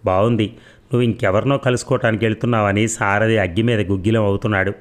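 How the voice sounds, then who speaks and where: A man's voice: on the low side, steady tone, lightly acted. A man reading a novel aloud, voicing a timid young woman who speaks anxiously. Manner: anxious, hurried.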